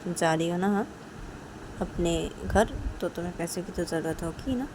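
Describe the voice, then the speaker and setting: A woman's voice: lowish voice, normal speed, background noise, lightly acted. A woman voicing Piu, a bossy young woman who coaxes and insists, repeating herself, in an amateur audio story. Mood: insistent. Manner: pushy, coaxing, repeats herself. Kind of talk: amateur storytelling with acted voices.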